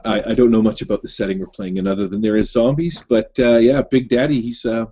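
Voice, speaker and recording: A man playing in a tabletop game, talking casually in a halting way with restarts. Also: fairly low pitch, fairly even intonation, mellow, highs cut off. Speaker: player.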